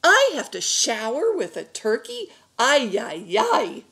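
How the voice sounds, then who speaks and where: A woman's voice: mid-range voice, animated, moderate pace, vocal fry. A woman voicing a grumbling old grandfather in a read-aloud storybook. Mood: exasperated.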